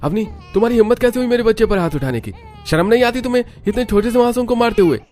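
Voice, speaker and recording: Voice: mid-range voice, expressive, very fast, pitched above the performer's own voice, close to an everyday voice. कहानी सुनाने वाला एक cartoon कहानी में एक गुस्साए युवा पति और पिता की आवाज़ निकालता है, चिल्लाते हुए।. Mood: furious. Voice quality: shouting, outraged. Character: angry young husband and father.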